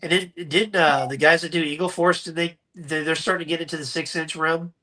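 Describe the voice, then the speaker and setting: A man's voice: fairly high pitch, steady tone, brisk, bright, forceful tone. A man co-hosting a casual live stream about toys, rambling and joking with plenty of fillers and restarts. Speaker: co-host.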